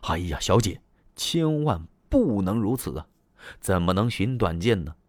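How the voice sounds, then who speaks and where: A man's voice: deep voice, sing-song, measured pace, dry recording, studio quality, full character voice. A male storyteller voicing a lovestruck, anxious young warrior general who talks in earnest, fretful exclamations.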